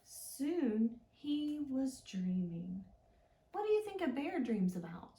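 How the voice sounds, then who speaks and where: A woman with a high, dark-toned voice takes it slowly, swinging widely in pitch as she hosts children's storytime. She reads and explains in a sing-song fashion, prompting with simple, encouraging questions. The recording is echoey, the mic set far away.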